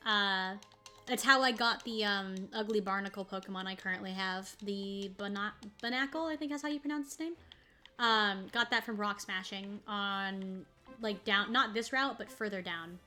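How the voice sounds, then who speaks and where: A woman's voice: mid-range voice, fairly even intonation, normal speed, sharp tone, soft background music. A woman streaming a video game, chatting casually and rambling as she plays, often breaking into laughter. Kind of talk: casual gaming commentary.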